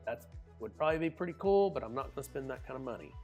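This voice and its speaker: Oklahoman man, cruise vlogger, folksy and chatty, mid pitch, faint music behind. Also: lively intonation, rapid-fire, darkish tone. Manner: folksy, chatty, says y'all. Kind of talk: casual screen walkthrough narration.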